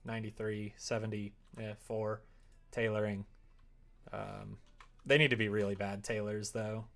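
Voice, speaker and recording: Speaking at a measured pace in a lowish, gravelly voice that barely shifts in pitch, this man livestreams his game development work. Seated at an indoor computer desk, he rambles playfully, thinking out loud and chatting casually as he goes.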